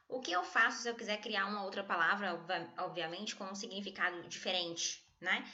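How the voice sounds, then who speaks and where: A woman's voice: mid-range voice, pushed and bright, highs cut off. A Brazilian woman teaching an online grammar lesson from home, chatty and jokey as she talks to her students. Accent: Brazilian Portuguese.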